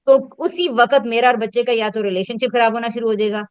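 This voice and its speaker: A woman's voice: a little high, fairly quick, clean tone, no room sound. A woman, explaining her teaching in a reflective, conversational way and mixing in English terms. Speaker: educator and host. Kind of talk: casual conversational teaching talk.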